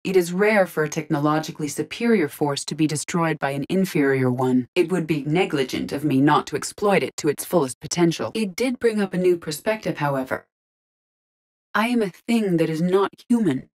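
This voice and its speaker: A female voice, low-pitched and fairly quick, delivers scripted video game lines as a calm, logical artificial intelligence inside an android body. Her speech is formal and precise, with restrained emotion and a matter-of-fact calm.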